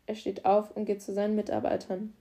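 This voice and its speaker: A woman reading a crime audiobook in a calm, even storytelling manner. Her voice is mellow and warm, at a middle pitch. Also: brisk, vocal fry. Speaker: audiobook narrator. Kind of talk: scripted narration.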